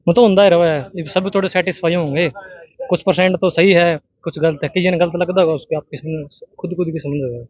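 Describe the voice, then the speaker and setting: A young Haryanvi-accented engineering student, hesitant and full of fillers. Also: male voice, a little high, steady tone, brisk, no echo, dull audio. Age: young adult.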